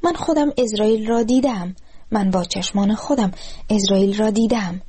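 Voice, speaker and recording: A woman's voice: mid-range voice, dark tone, breathy edge, lightly acted. A woman voicing a shaken, haunted man. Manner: insistent, repeating himself in a daze.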